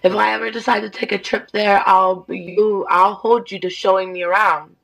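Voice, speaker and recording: A woman's voice: medium pitch, fairly even intonation, normal speed, creaky, a bit bright, rough recording. Brief: woman, twenties, from Oklahoma, casual video-call chat, playful. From Oklahoma, USA. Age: 20s. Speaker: content creator chatting on a video call.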